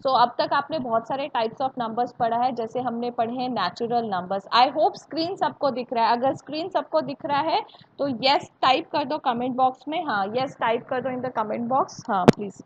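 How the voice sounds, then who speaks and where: Indian woman, maths teacher, slightly high voice, repeats and quizzes, dull lo-fi mic. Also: moderate pace. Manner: repeats points and asks students check questions, mixing Hindi and English. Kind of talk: live online class teaching. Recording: dull lo-fi audio with faint hiss.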